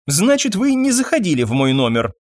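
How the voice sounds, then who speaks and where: A man voicing an agitated scientist who talks in excited, indignant outbursts. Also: high-pitched, brisk, no room sound, pitched above the performer's own voice. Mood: anxious. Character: agitated male scientist, middle-aged, easily flustered.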